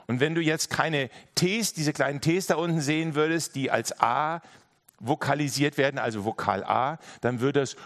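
A man's voice: fairly high pitch, normal speed, a bit bright. A man preaching a sermon in an earnest, direct way, speaking straight to his listeners and often repeating his phrases.

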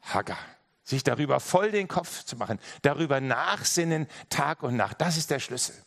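A man's voice: mid-range voice, animated, moderate pace, gravelly, a bit bright. A man preaching a sermon in an earnest, direct way, speaking straight to his listeners and often repeating his phrases.

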